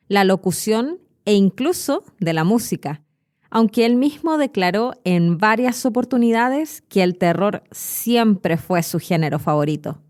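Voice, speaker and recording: A podcast host and Spanish teacher with a Chilean accent narrates scripted educational stories, speaking directly to the listener. Her voice is mid-range and darkish, with music playing behind it.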